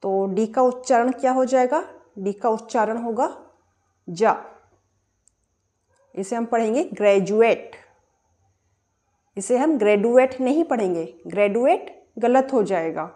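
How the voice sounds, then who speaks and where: A woman's voice: on the high side, animated, unhurried, long pauses, mellow. A woman teaching English pronunciation, spelling words out letter by letter and asking and answering her own questions. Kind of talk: explaining pronunciation rules.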